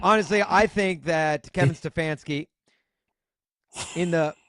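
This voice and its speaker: A man's voice: fairly high pitch, measured pace, a bit bright, pitched above the performer's own voice. A man putting on a choppy, broken-up voice imitating a crackly drive-through speaker. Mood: mock garbled. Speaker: sports radio co-host.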